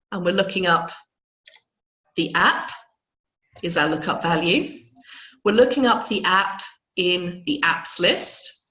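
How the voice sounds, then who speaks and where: A woman with a croaky voice, unwell, running a live spreadsheet webinar and explaining formulas step by step. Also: lowish voice, a bit bright, roomy sound, poor audio. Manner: explains step by step, reads out attendee questions. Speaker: Excel trainer.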